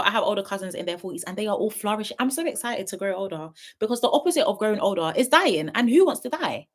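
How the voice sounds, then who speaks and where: Woman, late twenties, livestream host, casual and frank with viewers. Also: medium pitch. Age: 20s. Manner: chatty, gives frank big-sister advice to viewers. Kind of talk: casual livestream chat reading viewer comments.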